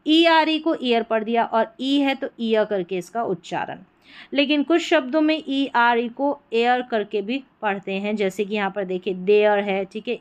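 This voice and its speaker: Woman teaching vowel sounds, patient, reads words one by one, smooth voice. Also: fairly high pitch. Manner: slow, patient word-by-word drilling. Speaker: English pronunciation teacher. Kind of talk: explanatory lesson.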